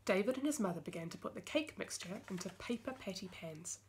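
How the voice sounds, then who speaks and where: A woman reads a children's storybook aloud. Her telling is lively and expressive, and she shifts her voice for the characters. Her pitch sits in the middle range. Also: a little fast, noisy background. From New Zealand. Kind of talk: reading a picture book aloud.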